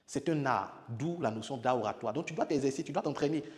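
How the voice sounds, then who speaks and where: A public speaking coach talks fast in a mid-range voice, his spoken lesson echoing with long hall reverb. He's emphatic, repeating key words and demonstrating with sudden loud exclamations.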